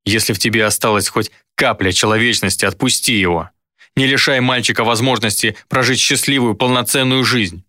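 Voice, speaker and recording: A man's voice: mid-range voice, fairly quick, bright, forceful tone, no room sound, clean studio sound, natural voice. A man voicing a stern uncle who is harsh and accusing, with the command of an angry noble.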